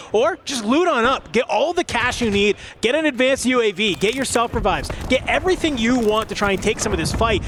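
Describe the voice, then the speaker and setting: A man giving animated, slangy play-by-play commentary as an esports caster. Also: extremely high pitch. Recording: clear game noise behind voice.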